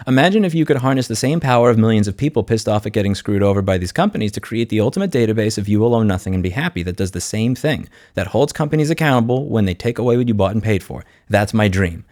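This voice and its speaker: Fast and barely pausing, a man with a fairly low, darkish voice and lively intonation delivers an unscripted vlog as a consumer rights advocate on YouTube. He's blunt and sardonic while doing a screen walkthrough, in a studio-quality recording without room sound.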